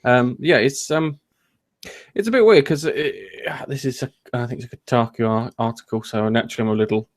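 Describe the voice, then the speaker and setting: A man runs a casual gaming podcast in a relaxed, rambling way. He jokes about himself and trips over his phrases. His voice sits at an ordinary middle pitch. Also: fairly quick. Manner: rambling, jokey, frequent ums and restarts. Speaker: podcast host.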